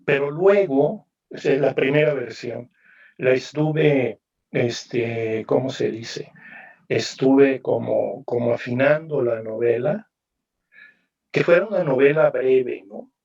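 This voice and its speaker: A man's voice: mid-range voice, slow, vocal fry, a little mellow, recorded from a distance, dull audio. A man speaking as a novelist at a literary panel, in a reflective, musing way with frequent tag questions. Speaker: novelist guest presenting his book. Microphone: video call.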